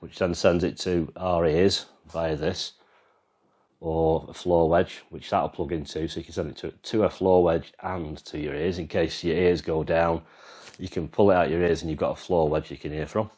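Holding a camera freehand, an English vlogger who plays in a band casually demos his band's sound mixer, rambling and explaining along the way. He speaks at a normal speed in a low, steady, darkish voice.

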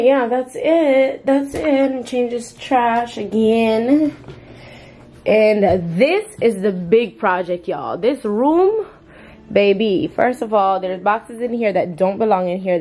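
Chatting casually with her viewers, a young woman vlogger cleans and sorts things in her bedroom at home, exclaiming as she works. Her voice is slightly high with a dark tone, picked up by a camera resting on the bed, with a little hiss or hum.

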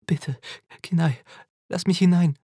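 A man's voice: fairly high pitch, normal speed, creaky, slightly rough, dry recording, studio quality, pitched above the performer's own voice, exaggerated voice. A man voicing a frightened, grieving mother in an audiobook who begs and stammers in a raised voice. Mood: pleading. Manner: pleading, sobbing, stammering. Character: frightened grieving mother, woman pleading with son. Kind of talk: audiobook character voice.

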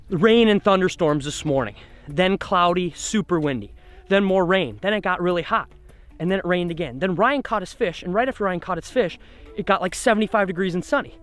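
A young man vlogging about his fishing trip outdoors, talking casually and excitedly into a camera held at arm's length. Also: sits high, moderate pace, faint music behind. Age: young adult. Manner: excited, chatty, lots of "like" and "literally". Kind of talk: casual vlog narration. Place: outdoors on a boat on a lake. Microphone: action camera at arm's length.

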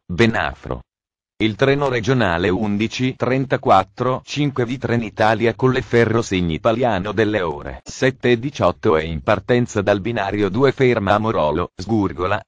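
A man reading out train station announcements in a slow, measured announcer delivery. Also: lowish voice, no echo.

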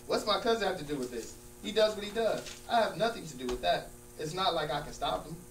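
Man playing a smug, exasperated friend, slightly high voice. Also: lively intonation, fast. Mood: fed up. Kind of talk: acting class comedy scene. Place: large room with small stage, indoors. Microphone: far camera. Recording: distant, echoey room with hum and noise.

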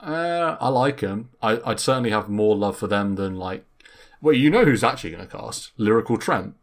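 A man's voice: lowish voice, expressive, normal speed. A man hosting a casual gaming podcast, chatty and enthusiastic, with many fillers. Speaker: podcast host.

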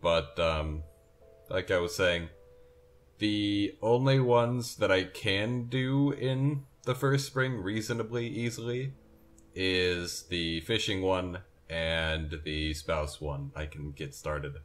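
Sleepy young man, deep voice. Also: takes it slowly. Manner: rambling, self-correcting, yawning. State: sleepy, yawning. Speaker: gameplay commentator. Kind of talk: casual game commentary.

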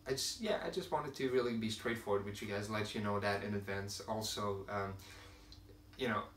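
With a fairly low, fairly bright voice at normal speed, a young French-first-language Quebecer talks casually to camera as a channel host, full of fillers and restarts while he searches for words. Behind him, his room at home holds shelves of films and games; a distant camera records it, roomy with faint hiss.

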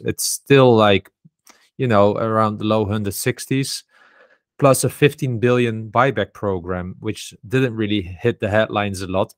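Man, podcast co-host, casual investing chat, fairly low voice, dry close sound. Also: no echo. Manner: chatty, leans on "you know" and "I mean".

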